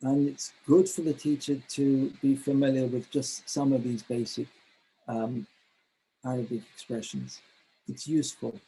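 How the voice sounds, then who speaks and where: A man presenting a teacher-training webinar, speaking in a halting way with many fillers and restarts. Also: mid-range voice, fairly even intonation, mellow, slightly rough, rough recording. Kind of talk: webinar lecture.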